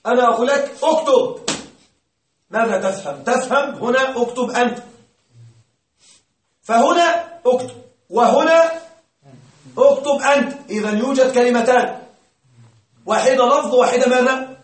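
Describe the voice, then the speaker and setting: A man's voice: very high-pitched, normal speed, pauses often. A man teaching grammar to a class, often asking a question aloud and then answering it himself. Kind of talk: classroom lecture. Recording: roomy, distant mic.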